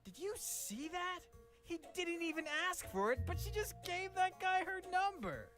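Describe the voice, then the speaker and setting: A woman voicing excited young classmates who gossip eagerly. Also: very high-pitched, moderate pace, soft background music, heavily acted.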